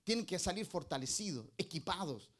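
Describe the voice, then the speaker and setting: A middle-aged male pastor with a very high voice, preaching a sermon. He fires rhetorical questions at the congregation and swings between loud, stressed phrases and low, quiet asides. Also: animated, fairly quick.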